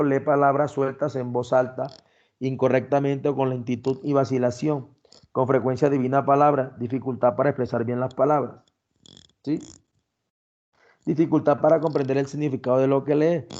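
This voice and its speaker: A man's voice: medium pitch, dark tone. A man giving a recorded class lecture, explaining criteria step by step and addressing his students directly. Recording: dull lo-fi sound.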